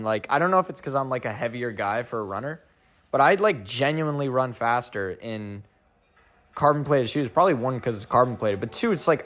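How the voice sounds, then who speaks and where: A young man chatting casually as a running vlogger, rambling with lots of filler words and slang. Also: medium pitch. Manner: rambling, full of "like" and "bro".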